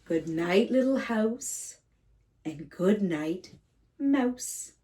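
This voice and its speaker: A woman reading a picture book aloud to young children as a teacher, speaking to them directly in simple, gentle phrases. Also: medium pitch, expressive, drawn-out words. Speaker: kindergarten read-aloud teacher and host. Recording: slightly distant microphone.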